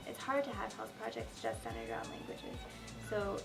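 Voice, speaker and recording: A young woman from Minnesota, a college senior speaking in a relaxed documentary interview. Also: medium pitch, normal speed, vocal fry, music in the background, low-quality recording. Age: young adult. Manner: relaxed, many fillers. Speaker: student.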